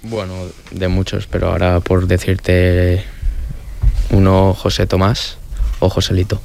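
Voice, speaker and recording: A young man, a novice bullfighter, answering an interview in a measured, steady way. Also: deep voice, gravelly, slight background noise.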